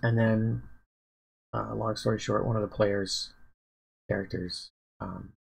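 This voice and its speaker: Sleepy man, DM type, heavy vocal fry, raspy tone, halting thinking-aloud delivery. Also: fairly low pitch, level tone, low-quality recording. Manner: rambling, halting, many fillers and restarts. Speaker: dungeon master planning a campaign. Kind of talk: casual livestream, thinking aloud.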